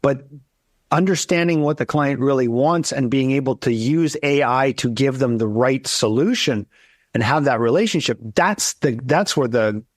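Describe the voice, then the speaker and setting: A man hosts an interview podcast, chatting casually and with growing energy about his work with clients. He talks in quick restarts and self-corrections, at an ordinary middle pitch. The sound is dry and close, with no room around it. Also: no room sound. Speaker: podcast host, accountant.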